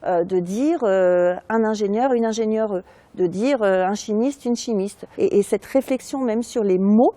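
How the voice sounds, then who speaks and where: A woman sociologist, explaining her research in an interview, pausing often with fillers and restarts. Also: mid-range voice, mellow, no echo. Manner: hesitant, many fillers and restarts.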